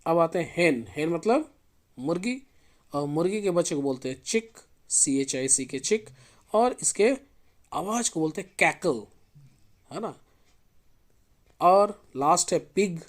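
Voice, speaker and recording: A man's voice: on the high side, animated. Hindi-speaking man teaching English words. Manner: spells words letter by letter, asks and answers own questions; slows down when spelling. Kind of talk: English lesson explained in Hindi.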